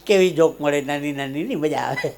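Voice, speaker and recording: High-voiced man telling jokes on stage. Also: normal speed, creaky. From Gujarat, India. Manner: lively joke-telling, acting out characters with loud high voices. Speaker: comedian. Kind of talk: live stand-up storytelling. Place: live stage show with audience.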